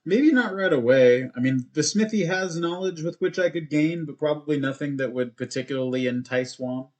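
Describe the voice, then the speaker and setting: A man playing a tabletop game, chatting in a relaxed way and laughing often. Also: on the high side, a little fast. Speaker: player. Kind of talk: casual tabletop role-play.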